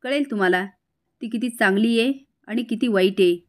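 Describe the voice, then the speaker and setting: A woman's voice: fairly high pitch, a little fast, a little mellow, natural voice. A woman voicing a bitter, angry young man who lashes out at his family with sarcastic retorts, in a retold TV serial.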